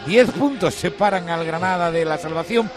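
A man's voice: high-pitched, normal speed. A man with an accent from Spain reporting live from the touchline of a football match. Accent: Spanish from Spain.

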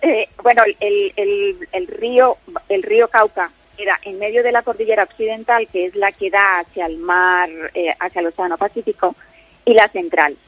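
In a dry recording over a dull lo-fi phone line, a middle-aged woman of Colombian birth with a Spain Spanish accent chats as a listener caller. Her mid-range voice keeps a steady tone at a moderate pace, and she's talkative, restarting often and using many fillers.

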